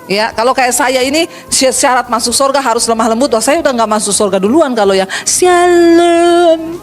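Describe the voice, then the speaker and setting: A woman's voice: on the high side, fast talker, soft background music. A middle-aged woman pastor from Sulawesi preaching a sermon with humor, acting out quoted voices and calling the congregation brothers and sisters.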